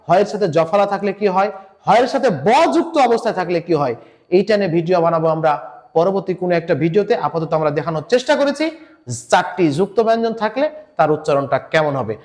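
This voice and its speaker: A man with a rather high voice and a Bangladeshi Bengali accent teaches a recorded lesson for exam students. He breaks each point down step by step and slowly repeats words so students can copy how they sound.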